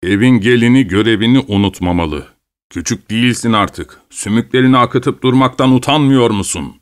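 A man voicing a sly old peasant father who talks in a gruff, scolding way. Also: mid-range voice, normal speed, no echo, clean studio sound, close to an everyday voice.

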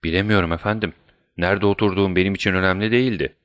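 A man's voice: low-pitched, steady tone, racing, a bit bright, no room sound. A man doing a humble old-fashioned manservant. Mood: deferential. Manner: respectful, says sir often. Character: humble, deferential male college servant.

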